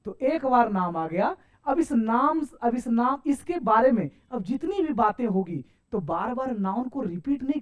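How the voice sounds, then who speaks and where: A man's voice: very high-pitched, muffled recording. A man teaching an English grammar lesson, asking his students questions and answering them himself, calling them sir. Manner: keeps addressing listeners as sir and saahab; stretches out English example sentences slowly.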